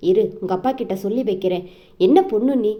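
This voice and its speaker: A woman's voice: medium pitch, moderate pace, dull audio, lightly acted. A woman reading the lines of a brusque young man in a story, scolding and lecturing. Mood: angry. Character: young man, stern and scolding groom-side relative.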